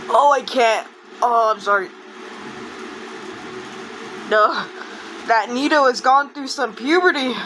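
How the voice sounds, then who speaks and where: A woman's voice: a little high, slow pace, long pauses, a bit bright, rough recording. A woman reading aloud casually and reacting, breaking into giggles and hiccups as she talks, with noise behind her. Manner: giggling and laughing with hiccups while talking. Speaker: video creator reading short-video comments aloud.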